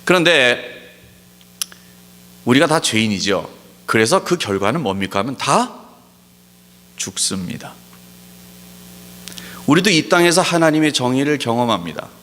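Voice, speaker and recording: A man preaching a sermon as pastor, pressing his points with emphatic rhetorical questions and slowing down to stress key words. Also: medium pitch, expressive, a bit bright. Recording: long hall reverb.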